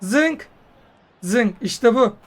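A man commentating on his own football video game match, yelling and swearing at the game when it goes wrong. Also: very high voice, expressive, drawn-out words. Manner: hot-tempered, swears and yells at the game. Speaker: gaming YouTuber.

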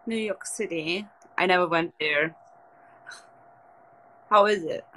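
A young woman from Germany, speaking with a German accent, lounges in bed on a late-night livestream and chats easily with viewers via a phone near her face. Her voice sits on the low side and slow, and the poor audio has a little hiss or hum.

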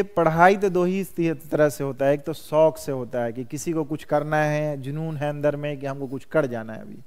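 Male math teacher, high and clear, classroom lecture full of questions to students. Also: darkish tone. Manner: quizzes students constantly, calls them "बउआ".

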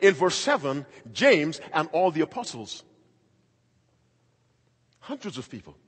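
A middle-aged male pastor preaching a sermon emphatically, moving between loud and quiet passages. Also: a little high, very animated, measured pace, husky. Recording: long hall reverb.

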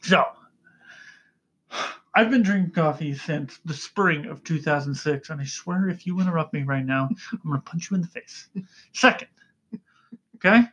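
Man, podcast co-host, casual chat, loud, excitable, rambling stories. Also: fairly high pitch, moderate pace, long pauses, husky. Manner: yells excitedly into the mic; rambling storyteller who keeps saying "okay?".

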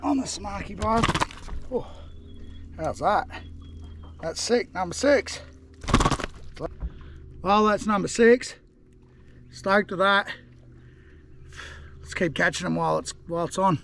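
A middle-aged Australian man giving excited, laid-back commentary while fishing from a small boat, recorded on a chest-mounted action camera. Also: high voice, slow pace, vocal fry, long pauses, background noise. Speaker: fishing vlogger. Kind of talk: casual running commentary. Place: small boat on a river outdoors.

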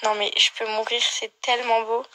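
Young woman, vlogger, gushing, chatty, bright voice, a bit high. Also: level tone, normal speed. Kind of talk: casual vlog to camera.

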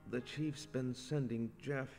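An actor playing a guilt-ridden, badly wounded man in a video game, gasping and halting as he speaks. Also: medium pitch, fairly even intonation, darkish tone, faint music behind, natural voice. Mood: weak, halting.

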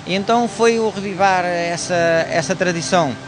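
A man's voice: sits high, moderate pace, background noise. Hesitant Portuguese businessman interviewed outdoors. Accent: Northern Portuguese. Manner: hesitant, many fillers and restarts. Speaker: company director. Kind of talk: news interview answers.

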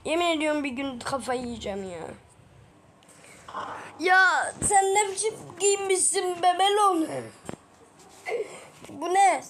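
Very high-voiced excitable woman. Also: slight background noise. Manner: excitable, exclaiming and teasing. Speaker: gaming video creator. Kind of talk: voicing several characters in a game video.

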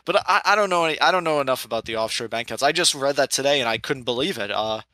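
A man's voice: mid-range voice, lively intonation, racing, a loud crowd. A man talking like a radio show caller in a heated political debate, opinionated and often breaking in with rants.

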